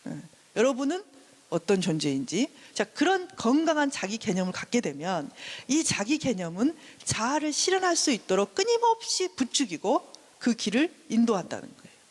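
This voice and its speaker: A woman's voice: fairly high pitch, sing-song, normal speed, breathy edge, long reverb tail. A woman giving a counseling lecture, who acts out what parents say to their children. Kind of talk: classroom lecture.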